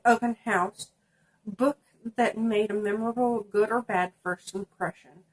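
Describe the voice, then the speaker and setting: Stuffy from a sinus infection, a young woman does a casual book tag video on her channel, chatting with plenty of ums and reading the prompts aloud. Her medium-pitched voice is fairly even and unhurried, and the recording is rough.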